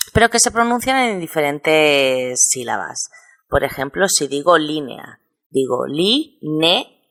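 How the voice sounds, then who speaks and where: Low-voiced woman teaching a lesson. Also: a bit bright. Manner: patient, explains step by step and spells out syllables slowly. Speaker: Spanish teacher. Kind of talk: recorded lesson on spelling rules.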